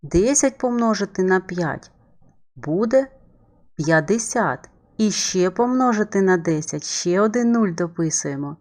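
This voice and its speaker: A woman teacher talking young pupils through their math exercises. She is calm and patient, and her voice is of middle height. She explains each step clearly, as in a recorded remote lesson. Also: mid-range voice, a little slow.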